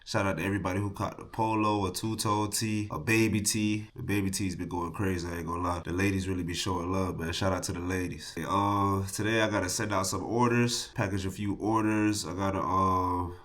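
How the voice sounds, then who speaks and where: Stuffed up nasal young guy from miami, lowish voice, chill slangy vlog talk from his home office. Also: fairly even intonation, a little fast, hardly any pauses, a bit bright. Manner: laid-back slangy hype talk with motivational asides. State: congested from a cold, nasal. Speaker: clothing brand co-owner. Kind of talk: casual vlog talk to camera.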